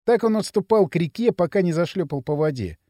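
A man narrating an audiobook in an expressive, wry storytelling manner. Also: high voice, a little fast, dry recording, clean studio sound.

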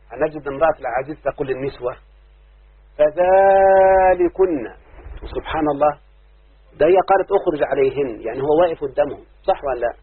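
Egyptian male grammar teacher, brisk and husky, muffled phone-like recording. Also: a little high. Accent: Egyptian Arabic. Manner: keeps asking students if they understood; chants verses slowly. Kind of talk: classroom grammar lesson.

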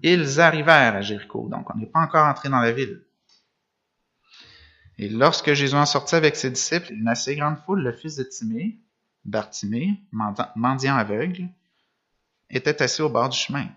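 A man's voice: mid-range voice, animated, moderate pace, sharp tone. A man preaching a sermon, reading gospel passages and explaining them with rhetorical questions. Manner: reads passages then comments, with restarts and rhetorical questions. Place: church or meeting room with a screen behind him. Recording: dull lo-fi sound.

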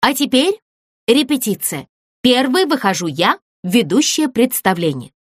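Woman doing a bossy-serious storybook doll, firm tone, lively pitch. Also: unhurried, husky, no echo, studio quality, heavily acted. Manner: firm, commanding. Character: serious, strict girl doll in charge.

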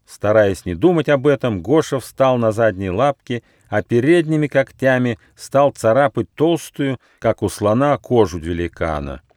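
A man reading his own fairy tale aloud as an audiobook, with expressive storytelling. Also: mid-range voice, moderate pace, few pauses, no echo, studio quality.

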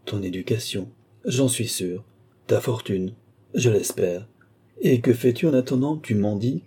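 A man's voice: medium pitch, unhurried, warm tone, breathy edge. A man voicing a haughty, irascible older baron in an audiobook, with a scornful, blustering manner. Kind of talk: audiobook character reading.

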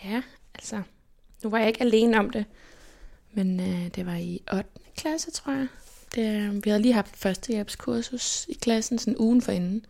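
A young woman from Denmark, telling stories from her life as an interview guest in a lively way and acting out what people said. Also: medium pitch, vocal fry. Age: young adult. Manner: lively, animated retelling with quoted inner speech. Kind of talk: casual personal storytelling.

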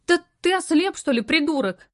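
A woman voicing a stressed young office worker who sounds indignant and pleading, turning shrill when upset. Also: moderate pace, no echo, clean studio sound, close to an everyday voice. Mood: shouting.

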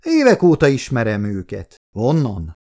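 A man reading an audiobook, voicing a kindly old man who talks gently to a little girl. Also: mid-range voice, huge pitch swings. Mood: gentle. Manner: gentle, coaxing.

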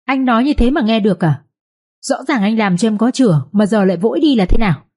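A woman voicing a heartbroken young village woman who pleads tearfully, in a husky voice. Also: on the high side, fast talker, darkish tone. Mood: hurt.

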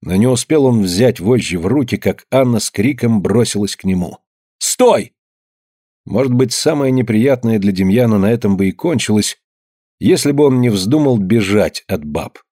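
A man narrating an audiobook in a measured, grave storytelling manner. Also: on the low side, expressive, dark tone, dry recording, clean studio sound. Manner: measured, grave storytelling, slowing at somber moments.

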